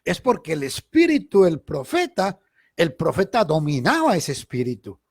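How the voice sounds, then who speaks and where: A man leads a Bible study like a sermon, with a fairly high voice that leaps up and down. He stresses key words loudly, then drops into quiet asides. The sound is dry and close. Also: huge pitch swings, normal speed, gravelly, husky, no room sound. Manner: emphatic, swings between loud stress and quiet asides. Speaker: Bible teacher.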